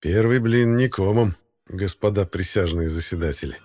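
A man narrating an audiobook in a steady, even storytelling manner. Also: low-pitched, normal speed. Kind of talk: scripted narration.

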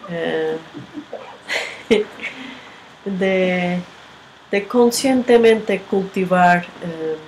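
A woman giving a reflective teaching talk with a personal story. She speaks in a halting, unhurried way and often ends with a questioning tag. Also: on the low side. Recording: background noise.

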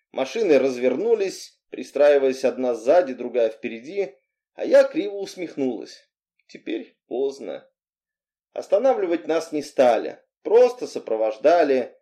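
A man reading audiobook narration in a steady, expressive way. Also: fairly high pitch. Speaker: audiobook reader.

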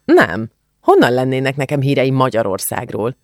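A woman's voice: rumbling low, wildly swooping pitch, no room sound, exaggerated voice. Earnest teenage girl, heartfelt and bookish, in a close, dry audiobook read, voiced by a woman narrator. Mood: eager. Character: earnest teenage refugee girl, book-loving. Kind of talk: audiobook character reading.

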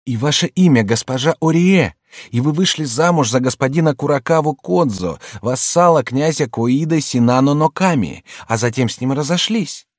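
Performing a role above his own natural pitch, a man plays an eager, earnest young man reunited with his mother. His voice is on the high side and expressive at a moderate pace, recorded cleanly in a studio with no echo.

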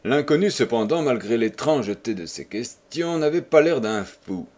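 A man narrating a classic novel as an audiobook, with expressive storytelling. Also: mid-range voice, normal speed. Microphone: home microphone.

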